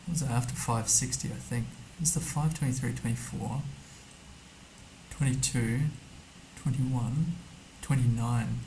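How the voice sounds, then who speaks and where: A man's voice: mid-range voice, fairly even intonation, measured pace, a little mellow, slight background noise, low-quality recording. A man streaming a map game, thinking aloud casually as he mutters guesses and reads numbers to himself. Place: indoor streaming setup.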